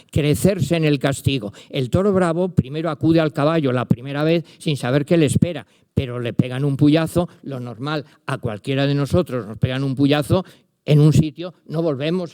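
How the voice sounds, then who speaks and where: Giving a lecture to listeners, an older man from Spain with a Spanish accent presents a book as a literature professor, talking to them directly and stressing the lines of verse he recites. The voice is medium in pitch and a little mellow.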